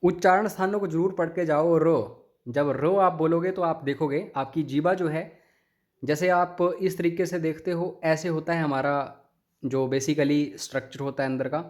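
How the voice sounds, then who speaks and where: A man's voice: a little high, fairly even intonation, normal speed. A young man teaching an exam-prep grammar lesson, explaining each answer step by step and addressing viewers as friends.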